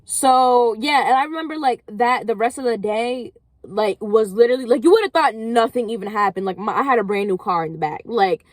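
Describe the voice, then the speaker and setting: A woman's voice: on the high side, brisk, no room sound. Young woman, rambling encouragement. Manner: rambling, heavy use of "like", encouraging. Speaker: vlogger. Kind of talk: casual motivational talk.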